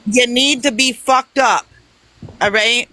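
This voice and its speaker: A woman's voice: on the high side, fairly even intonation, takes it slowly, pushed and bright, low-quality recording. A woman on a heated live-stream panel, aggressive and profane as she taunts someone.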